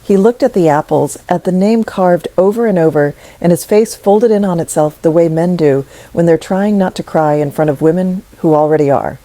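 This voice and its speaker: A woman narrating a scripted story in a slow, measured, softly emotional way. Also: fairly low pitch, dry recording, poor audio.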